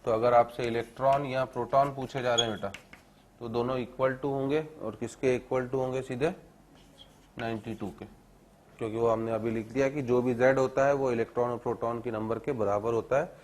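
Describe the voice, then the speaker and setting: A man teaching chemistry to a class, dictating notes slowly and checking in with students. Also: medium pitch, steady tone, a little hiss or hum. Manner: repeats phrases slowly for dictation, keeps asking "theek hai na"; calls students "beta", explains step by step.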